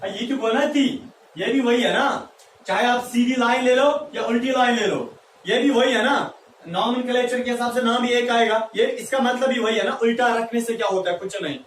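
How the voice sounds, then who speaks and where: A man with a very high voice teaches a chemistry class at a moderate pace, calling his students "beta" and playfully asking and answering his own questions. This classroom lecture was recorded in an echoey room with the mic far away, and there is slight background noise.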